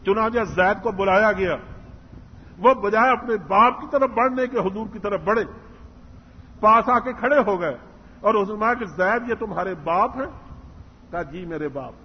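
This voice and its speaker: A man's voice: high-pitched, a little hiss or hum. A man giving a religious lecture, telling a story earnestly and acting out its dialogue. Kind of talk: Islamic lecture. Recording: muffled hall recording with long reverb.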